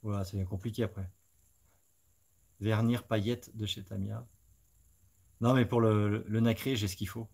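A man's voice: fairly low pitch, fairly even intonation, moderate pace, creaky, pauses often, a little mellow. A man hosting a live stream, chatting casually, thinking aloud and talking straight to his viewers. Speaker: host of a live scale-modeling stream.

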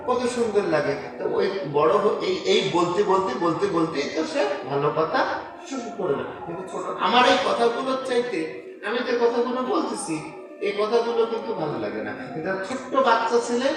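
A man giving an informal sermon as an Islamic preacher, talking conversationally and putting rhetorical questions straight to his listeners. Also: high-pitched. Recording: echoey, distant mic with loud background noise.

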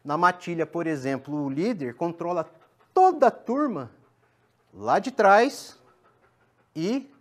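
A man's voice: high-pitched, very animated, slow pace, long pauses. A Brazilian man, a dog trainer, explaining on a TV show with many restarts and tag questions. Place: TV studio.

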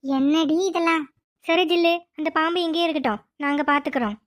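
A woman's voice: high-pitched, fairly even intonation, a little fast, no room sound, studio quality, lightly acted. A woman voicing a blunt, grumbling snake-woman aunt in a cartoon.

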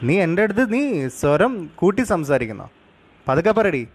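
A young man with a high voice and lively, swinging pitch talks into a phone in a comedy sketch. He nags and scolds like a jealous, possessive boyfriend. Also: normal speed, slightly rough. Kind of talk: comedic one-sided phone call.

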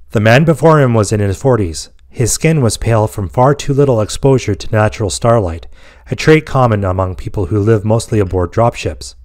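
A man telling a science fiction war story in steady, even scripted narration. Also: lowish voice.

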